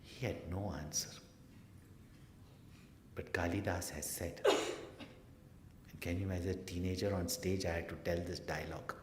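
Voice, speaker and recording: A man telling a story in a spiritual discourse, acting out the people he quotes and dropping to a hush for suspense. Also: deep voice, steady tone, a little slow, pauses often. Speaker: spiritual teacher. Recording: echoey hall, faint noise.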